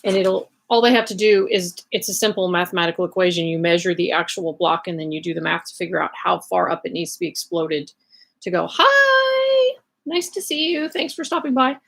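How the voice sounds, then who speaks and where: A woman with a Southern US accent and a creaky voice hosts a casual livestream, explaining things in a chatty way with rambling asides. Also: fairly low pitch, steady tone, fast talker. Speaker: livestream host sharing sewing resources. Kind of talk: casual explanatory chat to camera. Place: indoors at home, in bed in a bedroom.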